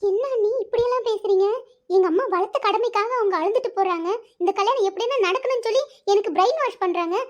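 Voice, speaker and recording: A woman's voice: very high-pitched, fast talker, lo-fi sound. A woman voicing a distressed young bride in a cartoon, earnest and upset. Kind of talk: cartoon voice acting. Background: background music.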